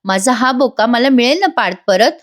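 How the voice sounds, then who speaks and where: A proud, defiant young wife, read out by a woman reviewer. The voice sits a little high and bright, and she speaks her lines with plain firmness rather than full acting. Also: lively intonation, normal speed, close to an everyday voice. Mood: tender.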